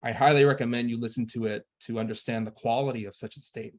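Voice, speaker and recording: Man giving a measured spiritual lecture. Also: mid-range voice, fairly even intonation. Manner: measured, earnest instructional delivery.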